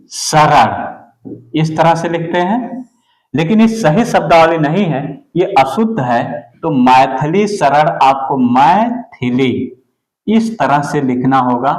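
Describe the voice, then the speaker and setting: A man teaching an exam-prep spelling lesson, going slowly and repeating each word. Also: on the high side, reverberant, poor audio. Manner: slow, deliberate, repeats words for the student.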